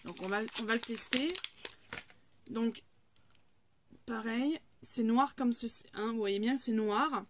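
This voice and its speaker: Woman in her 30s, casual haul vlogger, slightly high voice, rambling and friendly. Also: a little slow, long pauses, no room sound. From France. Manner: chatty, many fillers and restarts.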